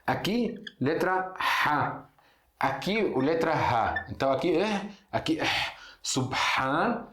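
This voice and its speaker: A man's voice: a little high, big pitch swings, unhurried, a bit bright. Syrian man teaching Arabic in an echoey room. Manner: hesitant, many fillers and restarts, explains with examples. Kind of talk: casual online language lesson.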